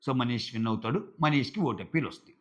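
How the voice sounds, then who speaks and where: A man's voice: medium pitch, animated, quick pace, highs cut off. A man giving a casual, chatty recap of a reality show episode, full of fillers. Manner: chatty, filler-heavy retelling. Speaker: show reviewer.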